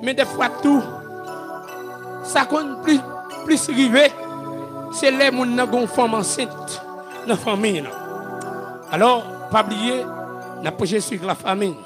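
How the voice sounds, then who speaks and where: A male pastor with a Haitian accent preaching a sermon, shouting and chanting his calls. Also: very high voice, a little slow, long pauses, over music.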